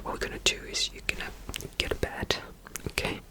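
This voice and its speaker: A fairly quick-paced ASMR caretaker roleplay: soft, soothing whispers, gentle repeated phrases, and a bedtime story read aloud.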